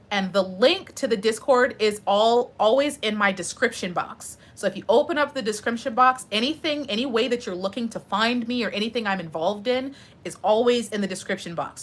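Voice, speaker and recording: Chatty bright-voiced woman streamer. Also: a little high. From United States. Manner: chatty, animated, answers chat questions. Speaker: live streamer. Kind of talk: casual live stream chat.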